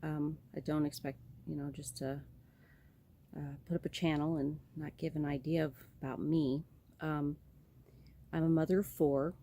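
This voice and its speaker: A Californian vlogger in her late forties chats casually to her camera about her life, rambling with many ums and restarts. Her voice sits low and mellow, level in tone, at a normal speed.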